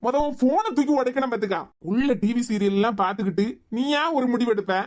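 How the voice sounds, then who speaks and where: A woman voicing a patient, teasing young husband in a cartoon web series, with a Kanyakumari Tamil accent and a fast, coaxing way of talking. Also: a little high, a little mellow, lightly acted.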